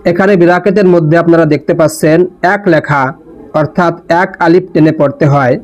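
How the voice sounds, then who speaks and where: A man teaching letter pronunciation in a slow lesson, repeating and drawing out each sound with care. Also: on the high side, darkish tone. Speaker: Quran teacher. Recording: dull lo-fi recording.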